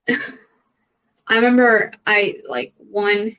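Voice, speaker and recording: A woman's voice: mid-range voice, expressive, drawn-out words, a bit bright, clear, resonant tone, poor audio. A young adult woman, a comedian, chatting casually as she answers questions, rambling with lots of fillers and casual swearing. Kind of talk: casual chat.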